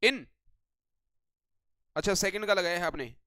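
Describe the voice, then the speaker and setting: A man leads a live online grammar lesson, calling on students by name and teasing them as he goes. His voice sits high and comes through smooth and clear. The sound is dry and close, with no room echo. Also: unhurried, pushed and bright. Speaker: English grammar teacher.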